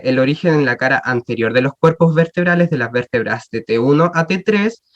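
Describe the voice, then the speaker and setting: A young man, a dentistry student, gives a class presentation. He reads from his notes in a slightly high voice and pauses on hesitant fillers.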